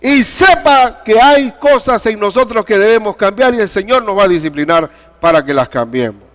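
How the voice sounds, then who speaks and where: Older male pastor, higher-pitched voice, animated storytelling sermon. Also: moderate pace. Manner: animated preaching with storytelling and questions to the congregation.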